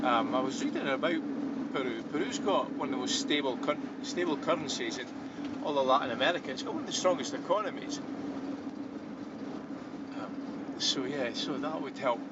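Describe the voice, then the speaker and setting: A man's voice: mid-range voice, normal speed, highs cut off, very noisy. Chatty man vlogging on the road. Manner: musing, chatty, frequent ums and restarts. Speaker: travel vlogger. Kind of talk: casual travel vlog narration. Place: on the road and outdoors in a small town.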